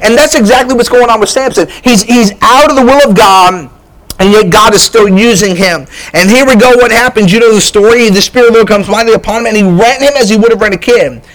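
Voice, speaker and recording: High-voiced joking preacher man. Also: fast, poor audio. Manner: energetic, joking preacher who keeps asking "all right?". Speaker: pastor. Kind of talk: sermon.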